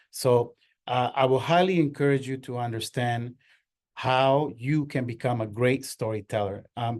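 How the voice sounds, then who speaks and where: A man's voice: medium pitch, darkish tone. Middle-aged man from Ecuador, earnest workshop presenter, hesitant with fillers, mid-range voice. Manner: earnest, many fillers and restarts. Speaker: workshop presenter, marketing agency owner. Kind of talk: workshop lecture.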